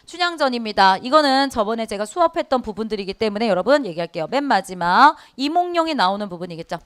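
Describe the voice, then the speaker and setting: A middle-aged woman teaching an online exam-prep lecture in a smooth, resonant voice. She keeps her students engaged by asking them questions and then answering them herself, and she acts out the quoted dialogue. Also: on the high side. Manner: lively, asks the class and answers herself. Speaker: Korean language exam instructor.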